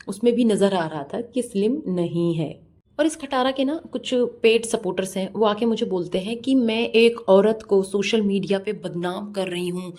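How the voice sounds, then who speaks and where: A woman's voice: mid-range voice, dark tone. Scornful woman reaction vlogger. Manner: scornful, mocking, scolding. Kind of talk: reaction vlog commentary.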